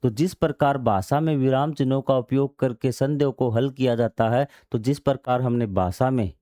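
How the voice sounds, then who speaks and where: A man with a dark, medium-pitched voice moves at a moderate pace through a maths lesson. He reads from the textbook, explains it in everyday terms, answers his own questions and repeats key steps. The audio is studio quality without echo.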